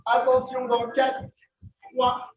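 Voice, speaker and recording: A man's voice: very high voice, monotone, takes it slowly. A man leading a live online workout class as fitness coach, counting down reps and coaxing people on in an upbeat way over a video call. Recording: dull lo-fi video call audio. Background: faint workout music.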